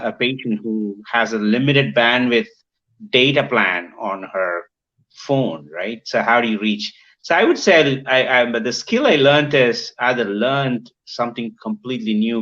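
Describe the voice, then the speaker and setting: A man's voice: lowish voice, fairly bright tone, dull audio. A man from Sri Lanka, speaking reflectively as a webinar panelist and often tagging his points with "right?". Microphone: video call.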